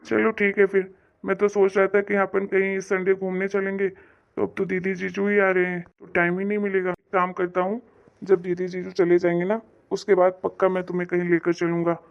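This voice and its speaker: A woman voicing an earnest, dutiful young husband in a cartoon story, reassuring and even-toned. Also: mid-range voice, moderate pace, gravelly, dull audio, natural voice.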